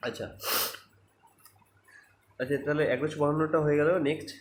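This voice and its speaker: A man's voice: on the high side, level tone. Bengali-accented man teaching grammar, echoey room. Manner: explains step by step, reads sentences out slowly, asks rhetorical checks. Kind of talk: online grammar lesson. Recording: echoey room with faint ambience.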